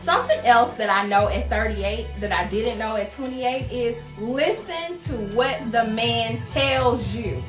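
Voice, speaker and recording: A woman's voice: a little high, a little slow, few pauses, fairly bright tone, echoey room, soft background music. A woman in her late thirties, a guest in a casual chat, talking frankly and hammering her points home. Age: 30s. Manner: frank, emphatic, repeats points. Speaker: guest, spa owner.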